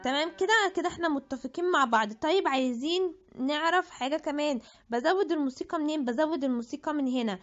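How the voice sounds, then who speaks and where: A woman's voice: high-pitched, fast talker, soft background music. A woman with an Egyptian Arabic accent giving a chatty app tutorial, thinking aloud and restarting her words. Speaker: tutorial presenter. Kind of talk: screen-recorded app tutorial. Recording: dull lo-fi audio.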